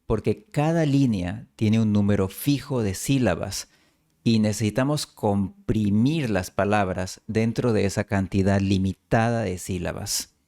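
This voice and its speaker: Man, Spanish teacher, very slow careful delivery, lowish voice, explains syllable by syllable. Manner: slow and careful, breaks down syllables, sings lines softly. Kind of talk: explanatory language lesson.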